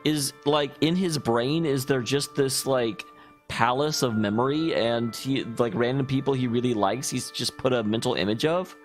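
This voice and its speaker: A man's voice: medium pitch, normal speed. A man hosting a let's play, giving casual, rambling gaming commentary with speculative and self-deprecating asides. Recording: faint game music behind.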